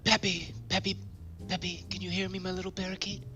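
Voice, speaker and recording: Guy doing a timid parakeet dad whispering in the bathroom, bright voice, lots of stammering. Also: high-pitched, monotone, faint music behind. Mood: sheepish whispering. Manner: hushed, halting and stammering. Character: timid man secretly whispering to his pet parakeet. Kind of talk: improv comedy scene.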